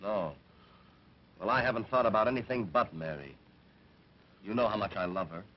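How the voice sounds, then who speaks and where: An actor playing a scheming male attorney in an early 1930s talkie film, speaking in a measured, stern way. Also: lowish voice, animated. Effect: early 1930s talkie film soundtrack. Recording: muffled, faintly hissy 1930s film sound.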